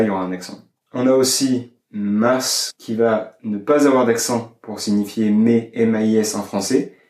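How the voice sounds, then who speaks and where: A man's voice: fairly low pitch, a little mellow. A man teaching a Spanish lesson in French, explaining patiently and spelling words out letter by letter. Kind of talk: language lesson to camera. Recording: echoey room.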